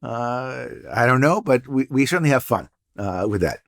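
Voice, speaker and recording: A man's voice: mid-range voice, lively intonation, moderate pace, creaky. Wry storytelling older man. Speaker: guest, entrepreneur and professor. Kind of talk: casual interview chat.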